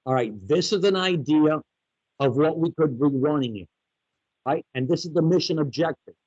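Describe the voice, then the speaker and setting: A man's voice: fairly high pitch, normal speed, a little mellow, no echo. A man giving a hazmat webinar briefing over a computer microphone, his audio cutting out, speaking plainly with frequent restarts. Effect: audio keeps cutting out. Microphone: computer microphone on a video call. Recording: dull, dropping-out online call audio.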